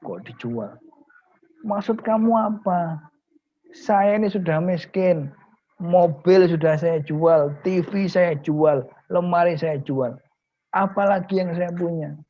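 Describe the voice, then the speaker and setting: A man's voice: medium pitch, expressive, slow pace, slightly rough, muffled recording, heavily acted. A man voicing a poor male preacher who pleads, anxious and distressed, in a sermon story. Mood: pleading.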